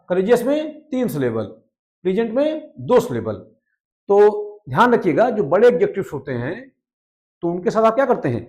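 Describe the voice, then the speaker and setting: A man teaching a grammar lesson. He repeats each rule in Hindi, reads the English lines slowly and keeps checking in with his listeners. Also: high-pitched, a little mellow. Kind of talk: explaining a lesson.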